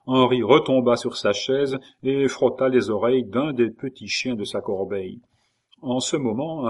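A man reading a novel aloud in a measured storytelling manner. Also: medium pitch. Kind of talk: audiobook reading.

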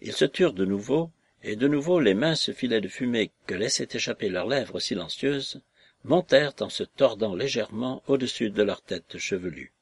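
A man narrating a novel aloud in an even, measured storytelling manner. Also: fairly low pitch, husky, no echo. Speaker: audiobook narrator.

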